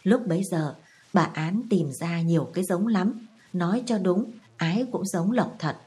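A woman narrating a novel as an audiobook in a calm, even storytelling manner. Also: lowish voice, a little slow.

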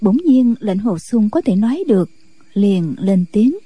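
A woman narrates a martial-arts story in an even, steady storytelling manner. Her voice is very dark and a little husky, set slightly high for her tone. The sound is dry and close. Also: a little slow, dry recording.

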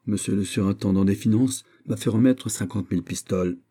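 A male reader voicing a vain, excitable young prince in an audiobook. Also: lowish voice, fairly quick, slightly rough. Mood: petulant. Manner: fussy, excitable, self-admiring. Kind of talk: audiobook character reading.

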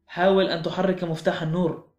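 A man voicing an older retired army colonel in an audiobook, speaking in a measured, matter-of-fact way. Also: sits high, level tone, natural voice. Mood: composed. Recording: echoey room with faint music.

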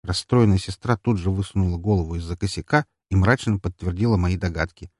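Husky low-voiced male narrator. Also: fairly quick, a little mellow, no echo, studio quality. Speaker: audiobook narrator. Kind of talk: first-person audiobook narration.

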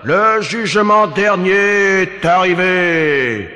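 A man's voice: high voice, expressive, bright, forceful tone, long reverb tail, voice pushed up, exaggerated voice. A man voicing a cunning, playful master thief who talks slyly and theatrically. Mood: solemn. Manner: sly, theatrical, slow and solemn when disguised. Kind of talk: storybook character voice.

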